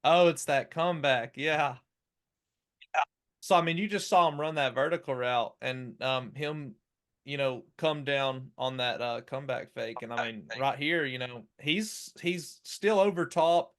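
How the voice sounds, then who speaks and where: A man giving casual sports commentary as a football film analyst, with hesitant, halting phrasing. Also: medium pitch, a bit bright.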